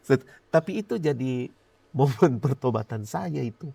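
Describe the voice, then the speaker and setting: A middle-aged male pastor giving a lively personal testimony in a podcast interview, laughing often and acting out his own prayers. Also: medium pitch, unhurried, creaky, breathy edge, no echo.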